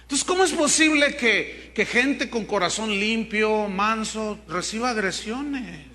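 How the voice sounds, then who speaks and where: An older Mexican man, a pastor, preaches a sermon to his congregation in a high, expressive, bright and forceful voice, speaking a little slowly. He has a Mexican Spanish accent and tells stories full of humor, joking with the people listening.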